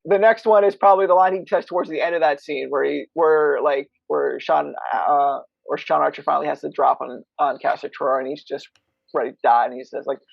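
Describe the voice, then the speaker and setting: A man's voice: fairly high pitch, fairly even intonation, brisk, creaky, dry recording. A man co-hosting a podcast, chatting casually about films, rambling with lots of fillers and frequent laughs. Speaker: podcast co-host. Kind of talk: casual film chat. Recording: dry, dull lo-fi podcast mic.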